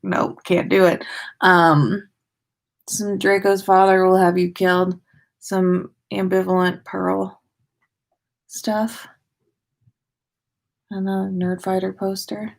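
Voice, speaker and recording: Medium in pitch and level in tone, her voice is slow, fry-tinged, and frequently paused. This tired American podcast host is livestreaming from her own room, rambling informally with playful sing-song asides.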